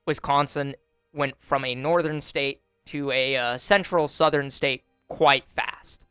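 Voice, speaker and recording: A young man giving relaxed, wry commentary on a strategy game simulation, with frequent fillers, recorded close on a desk mic at home. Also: mid-range voice, slow, clean tone, no room sound. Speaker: gaming YouTuber. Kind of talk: casual gameplay commentary. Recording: dry close voice over faint music. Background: faint background music.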